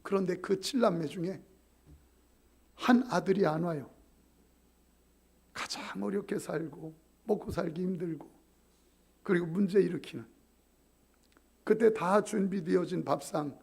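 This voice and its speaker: A man's voice: sits high, a little slow, creaky, long pauses, slightly rough. A middle-aged male pastor preaching a sermon. He jokes with the congregation and at times drops to a whisper. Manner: animated, joking with the congregation, then dropping to whispers.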